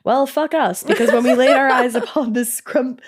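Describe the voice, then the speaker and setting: A woman co-hosting a podcast, reading a listener's story aloud in a casual, animated, profane way and laughing as she goes. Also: high voice, normal speed, breathy edge.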